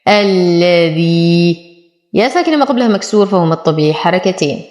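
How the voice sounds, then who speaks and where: A woman gives a patient recitation lesson, naming each rule before she draws out the words slowly. Her voice sits at a middle pitch. The room around her is echoey. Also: very animated, darkish tone. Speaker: Quran recitation teacher. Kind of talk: slow tajweed lesson with drawn-out recitation.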